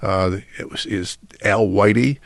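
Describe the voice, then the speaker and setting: An older man from chats through his memories. His voice sits low and gravelly. He wanders with fillers and restarts, recorded close in a dry room. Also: a little slow, dry recording. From Buffalo, New York. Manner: rambling, many restarts and uh's, chuckling. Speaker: guest, sports official. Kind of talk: casual storytelling chat.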